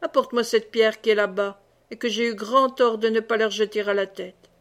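A woman's voice: on the high side, steady tone, moderate pace, natural voice. A woman voicing a boisterous, wounded old monk who blusters and boasts as he tells tales in an audiobook reading. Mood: gruff.

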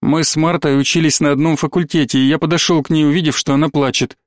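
A man reading an audiobook, voicing a calm, friendly young man. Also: fairly high pitch, quick pace, no echo, studio quality, lightly acted. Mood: calm firm. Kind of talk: audiobook character voice.

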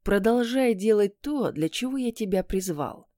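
A woman voicing a stern, commanding magical male cat in an audiobook, giving slow, curt orders. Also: mid-range voice, animated, dark tone, no room sound, clean studio sound, close to an everyday voice. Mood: cold commanding.

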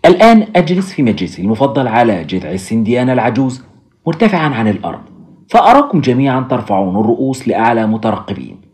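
A man's voice: medium pitch, sing-song, fast talker, a little mellow. A man narrating an audiobook as a storyteller, speaking to his listeners around a fire.

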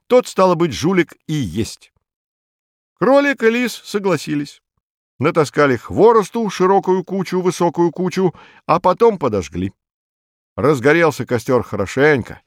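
A man's voice: a little high, no room sound, studio quality. Man reading a folk tale expressively. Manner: expressive, lively storytelling voice. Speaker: storyteller.

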